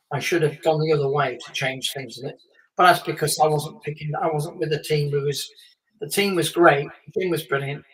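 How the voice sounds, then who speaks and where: Heard from far off on a rough recording, this English man in his late fifties, once a racing driver, rambles through lengthy anecdotes as a live-chat guest. He laughs softly and leans on fillers, his voice high-ish and fairly bright.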